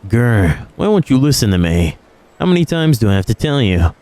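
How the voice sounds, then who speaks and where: A man voicing a gruff, proud male dog who calls himself king of the dogs, growling and grumbling between words in a game. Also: medium pitch, big pitch swings, moderate pace, mellow, close to an everyday voice.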